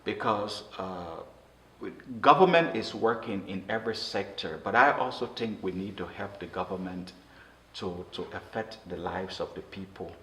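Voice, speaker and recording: A man from Liberia, speaking earnestly in an interview and often halting and restarting his words. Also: low-pitched, animated, a bit bright. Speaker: interview guest. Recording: roomy echo with faint noise.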